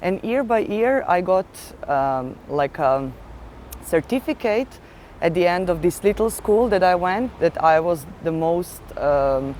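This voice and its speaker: A woman's voice: lowish voice, expressive, unhurried, darkish tone, a little hiss or hum. A woman in her thirties from Serbia, speaking as a ballet dancer, telling her story in an earnest interview monologue and searching for words with fillers.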